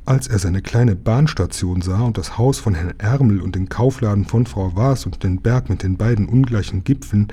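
Dark-voiced male storybook narrator. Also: on the low side, moderate pace, few pauses, husky. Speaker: audiobook reader.

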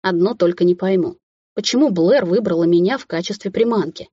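Figure: a woman voicing a cheeky, mocking young man. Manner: singsong, drawn-out. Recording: slightly dull. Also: on the low side, mellow, slightly rough, no room sound. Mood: teasing.

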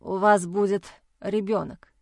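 A woman voicing a dazed, injured young man who mumbles slowly and weakly, as if half delirious. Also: medium pitch, fairly even intonation, vocal fry, dry recording, clean studio sound. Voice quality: slow, slurred, drained. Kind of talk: audiobook character voice.

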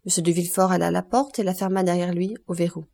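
A woman narrating a classic novel as an audiobook in a measured, expressive storytelling voice. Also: on the low side, vocal fry.

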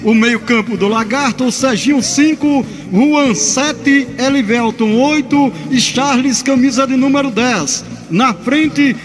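Very high-pitched male lineup announcer. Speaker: radio football reporter. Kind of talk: announcing team lineup on radio. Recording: long reverb with music behind.

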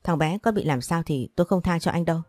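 A woman's voice: lowish voice, fast talker, a little mellow, dry recording, studio quality, lightly acted. Woman voicing a frantic young mother. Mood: accusing. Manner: pleading, accusing, stammering.

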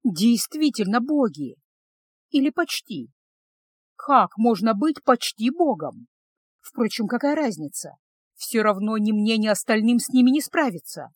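A woman's voice: on the high side, big pitch swings, a little slow, slightly rough, no room sound, clean studio sound, exaggerated voice. A woman voicing a flustered young herbalist whose anxious thoughts race. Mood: panicked. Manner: breathless, racing inner thoughts.

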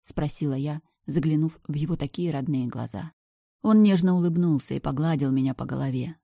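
Female audiobook narrator, low voice, intense first-person telling, dry close sound. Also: fairly quick, creaky, dark tone, no room sound. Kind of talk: first-person scripted narration of dark fiction.

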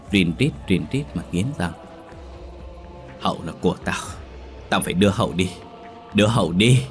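Lively low-voiced man narrating horror. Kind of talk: dramatic horror story narration. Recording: faint music behind.

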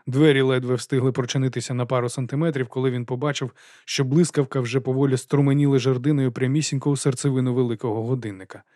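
A man reading an audiobook in a steady, measured narration. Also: medium pitch, no echo, clean studio sound. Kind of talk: scripted narration.

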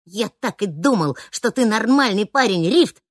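Narrator putting on a cheeky bragging teen boy, loud and bouncy, lively pitch, dry close sound. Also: normal speed, no room sound, close to an everyday voice. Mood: teasing. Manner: loud, teasing, excitable. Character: cheeky, boastful, carefree teenage boy.

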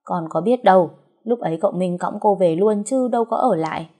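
A woman's voice: medium pitch, fairly quick, warm tone, natural voice. A woman voicing an anxious young servant girl who pleads and frets. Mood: fretful. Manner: pleading, fretful.

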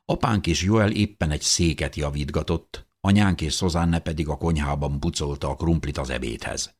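A man narrating a first-person audiobook in an earnest, measured way. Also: extremely low pitch, slight background noise.

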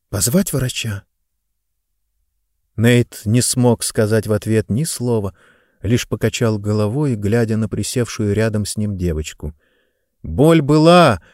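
Lively male audiobook narrator. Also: lowish voice, dry recording, studio quality. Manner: expressive, lively reading. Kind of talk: scripted narration.

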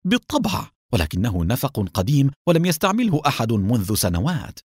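A wealthy young engineer speaks with polite courtesy, as a male storyteller reads him. The delivery is lively and the recording dry and close. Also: medium pitch, a little fast, slightly rough, dry recording.

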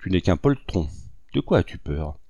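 A man's voice: sits low, big pitch swings, moderate pace, warm tone, no echo, muffled recording, full character voice. A man reading an audiobook, voicing a stern, bossy male comrade who scolds curtly. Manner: scolding, curt.

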